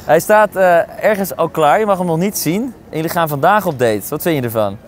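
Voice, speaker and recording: Animated, higher-pitched young man hosting. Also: a little fast, slight background noise. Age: 20s. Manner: playful, teasing, animated. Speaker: show host and matchmaker. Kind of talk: casual street presenting. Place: outdoors on streets and in a car. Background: music.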